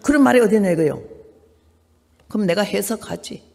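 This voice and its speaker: An older woman preaches a sermon with a gravelly, fry-edged voice. She tells stories and swings between hushed and loud delivery. The sound rings out with a long hall reverb. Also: medium pitch, expressive, brisk. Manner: storytelling, dramatic swings between soft and loud. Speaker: missionary preacher.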